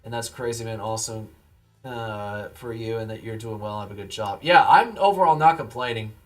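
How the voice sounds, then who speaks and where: With a fairly low voice and a moderate pace, a man chats casually on his live stream, rambling and relaxed as he answers chat messages. He sounds tired from a long day.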